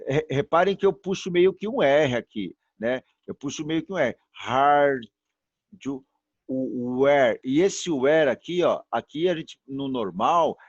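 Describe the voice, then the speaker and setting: A man from Brazil teaching a class over a video call, patient and repetitive, stretching words out slowly to demonstrate them. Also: a little high, animated, dry recording. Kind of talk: online class pronunciation lesson. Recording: dull, muffled sound, dry.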